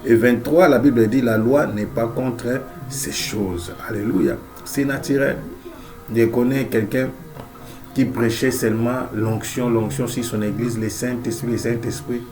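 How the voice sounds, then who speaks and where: A male preacher with a Central African French accent and a head cold delivers a sermon in a medium-pitched, slightly slow voice. He's emphatic, repeating key phrases and frequently saying amen and alleluia. Faint music plays behind him.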